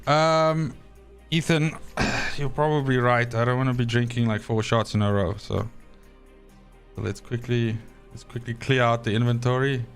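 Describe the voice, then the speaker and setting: Streaming a game live, this Afrikaans-speaking man from South Africa rambles to his chat and swears without restraint. He talks at a moderate pace in a steady, medium-pitched voice, with soft music playing in the background.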